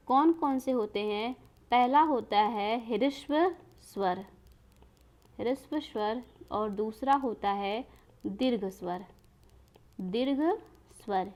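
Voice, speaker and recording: A woman teacher explaining exam questions to students, repeating each question and answer and asking rhetorical questions, words into her speech. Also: a little high.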